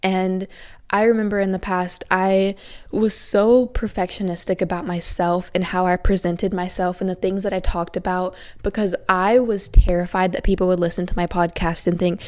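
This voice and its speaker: Gentle, candid young woman podcasting. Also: on the low side, flat delivery, normal speed. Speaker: podcast host. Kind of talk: personal advice talk.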